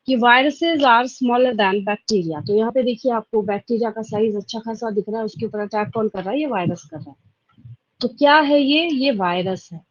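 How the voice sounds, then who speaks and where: A woman's voice: on the high side, no room sound, muffled recording. A woman with an Indian accent giving an exam-prep biology lecture. She asks questions aloud, answers them herself and repeats the key points. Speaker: biology teacher.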